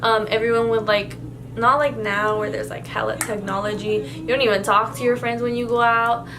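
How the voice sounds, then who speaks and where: At normal speed and in a level, high-side voice, a young vlogger whose native language is Spanish answers questions. Her casual Q&A tag video is rambling, peppered with fillers and restarts.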